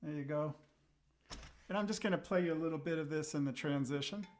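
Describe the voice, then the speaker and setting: A man talking casually and haltingly on a video call, doing a show-and-tell. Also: on the high side, darkish tone.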